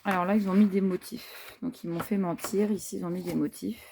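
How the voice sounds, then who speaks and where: A French craft haul vlogger talks a little fast in a steady, medium-pitched, darkish voice with vocal fry, with a little hiss or hum behind her. She casually shows craft papers to viewers, using many fillers and admiring asides.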